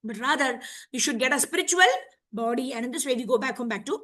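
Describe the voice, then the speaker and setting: A woman's voice: high-pitched, lively intonation, fast talker, bright, forceful tone. A woman with a cold, teaching a scripture class, chanting verses and checking in with "right?". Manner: explains with frequent "right?" checks. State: has a cold.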